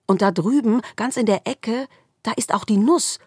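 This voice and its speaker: A woman reading a children's book aloud with expressive, lively storytelling. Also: fairly high pitch, moderate pace, husky, no room sound, clean studio sound. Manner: lively storytelling with rising tension. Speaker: story reader.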